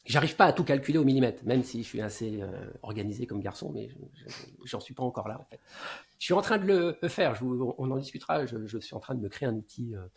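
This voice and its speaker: A man in his forties talks through his work habits in a casual interview. His voice sits at an ordinary middle pitch. He gives advice in a low-key way, and his phrases often trail off softly at the end. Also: animated, quick pace, creaky. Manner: explains at length in a low-key advising tone, often trailing off quietly. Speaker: guest SEO consultant.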